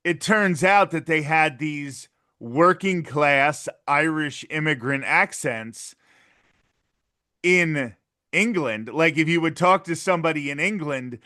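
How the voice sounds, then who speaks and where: A man hosting a podcast, asking his questions slowly and deliberately. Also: a little high, pushed and bright. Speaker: podcast host. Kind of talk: conversational interview.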